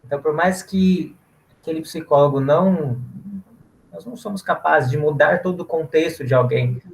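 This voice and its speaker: Gravelly man giving calm reflection. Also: on the high side, normal speed, a little hiss or hum, poor audio. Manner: calm, thoughtful, storytelling. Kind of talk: reflective reply in an online meeting. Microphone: video call.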